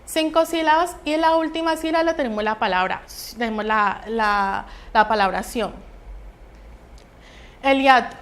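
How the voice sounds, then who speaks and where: Brief: young woman from Colombia, student presenter, high voice, halting delivery with restarts. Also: fairly bright tone. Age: young adult. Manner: halting, with restarts and fillers while explaining. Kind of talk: class presentation.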